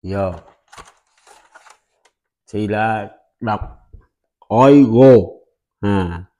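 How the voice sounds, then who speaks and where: A man whose first language is Vietnamese, patiently teaching a pronunciation lesson and repeating example words loudly. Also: on the low side, takes it slowly, highs cut off. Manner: patient, instructive.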